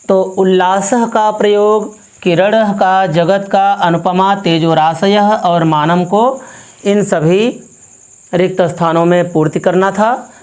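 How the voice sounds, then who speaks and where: A woman's voice: medium pitch, a little mellow. A woman teaching Sanskrit exercises, repeating each answer twice and asking the class what it becomes. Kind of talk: slow classroom explanation.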